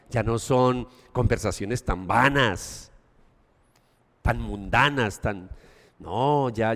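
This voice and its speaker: A male pastor preaching, his high, lively voice ringing through a long reverb. He swings from forceful emphasis to quiet asides and acts out small everyday scenes. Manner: colloquial, acts out little scenes for the congregation. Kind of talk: sermon. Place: church hall. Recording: long church-hall reverb.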